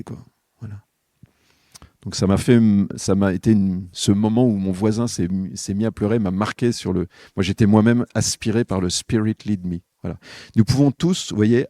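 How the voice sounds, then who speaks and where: A man's voice: lowish voice, mellow, dry recording, studio quality. A man giving a reflective spoken homily for a podcast, talking with listeners directly in a conversational way. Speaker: podcast speaker on spiritual life.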